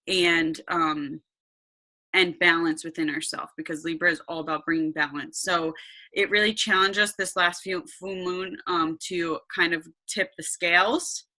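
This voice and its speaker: A woman's voice: fairly low pitch, bright, forceful tone. A woman hosting a meditation session, chatting informally to her followers and hesitantly thinking aloud. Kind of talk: casual chat to followers.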